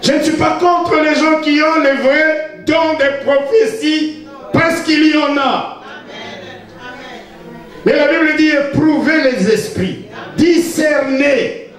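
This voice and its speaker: A high-pitched man in his fifties preaching with force, teasing his flock and breaking into shouts. He stands well away from the mic, and his voice rings through a large, echoing church hall. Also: flat delivery, takes it slowly, pauses often, recorded from a distance. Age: 50s. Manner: emphatic, bursts into shouting, teasing. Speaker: pastor. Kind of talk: sermon.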